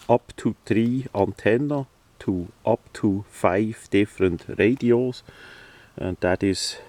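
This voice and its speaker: A hobbyist presenter gives a casual hands-on product demonstration in a slow, low, slightly mellow voice. His delivery is halting, hesitant, and matter-of-fact, and the microphone is distant.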